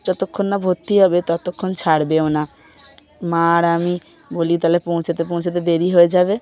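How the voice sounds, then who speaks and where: Young woman vlogging with a sore throat, flat low voice, just chatting about her day. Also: moderate pace. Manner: chatty, recounting chores and family talk. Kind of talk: casual daily vlog narration.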